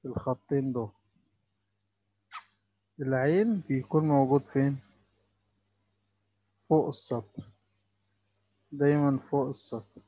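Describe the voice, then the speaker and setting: Slow Egyptian man teaching children letters. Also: mid-range voice, mellow, no echo, dull audio. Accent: Egyptian Arabic. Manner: stretches out sounds when sounding out letters and words. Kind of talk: recorded lesson for young children.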